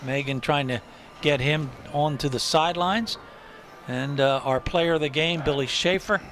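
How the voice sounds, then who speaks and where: A man's voice: fairly high pitch, moderate pace, a bit bright, a little hiss or hum. A man calling a college football postgame show from the broadcast booth, upbeat and promotional. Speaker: play-by-play announcer. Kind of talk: sports broadcast commentary. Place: press box booth. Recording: broadcast with music bed behind.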